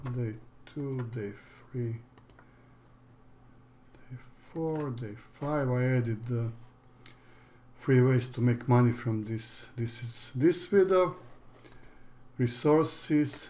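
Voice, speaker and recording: A Croatian man, a native speaker with a Croatian accent, works as an online course instructor and talks through a screen-share tutorial. His delivery is halting and plain, full of restarts, in a medium-pitched, slightly mellow voice.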